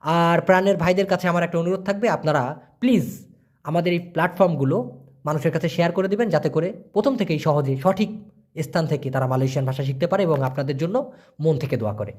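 A language teacher from Bangladesh speaks. The teacher gives an online lesson at a medium pitch and says each example phrase slowly several times. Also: a little mellow.

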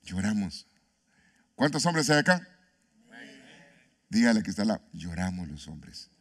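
A man pastor preaching an animated sermon, asking his congregation questions and mixing in humor. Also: on the low side, measured pace. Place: church.

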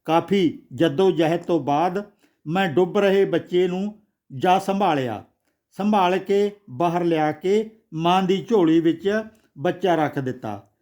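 A man's voice: sits high, unhurried, a little mellow. A man voicing a resentful young man who talks in a rude, bitter tone in a storybook. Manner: rude, blunt tone.

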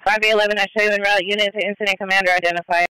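Brisk, bright dispatcher, terse radio updates. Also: medium pitch, flat delivery, smooth, no room sound, rough recording. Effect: police radio transmission. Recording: police scanner radio audio.

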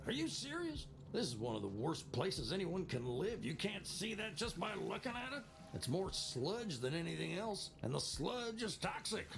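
A man playing a despairing, sardonic alien fisherman in a video game, morose and deadpan. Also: high voice, moderate pace, gravelly, hardly any pauses, music in the background, heavily acted. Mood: bitter, exasperated. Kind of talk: video game character dialogue.

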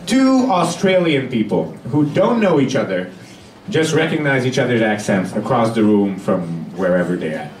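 This medium-pitched voice with big pitch swings belongs to a young Hungarian stand-up comedian doing a halting, conversational routine with acted-out dialogue on a small, dark club stage. His handheld mic is picked up by a distant camera, so the room echoes and the audience is loud.

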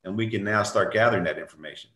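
A man's voice: fairly low pitch, very fast, pushed and bright. An older man giving a plainspoken, reassuring update over a video call from a room at home. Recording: echoey room.

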